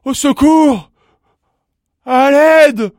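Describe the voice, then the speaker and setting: A man doing a shrill, grumpy bumblebee. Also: very slow, darkish tone, no room sound, clean studio sound, full character voice. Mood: pleading. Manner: shrill, squealing and pleading. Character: grumpy greedy male bumblebee. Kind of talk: storybook character voice.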